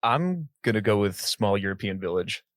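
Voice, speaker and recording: A man's voice: fairly low pitch, expressive, normal speed, no echo. A man, a guest, throwing in dry wisecracks during casual banter.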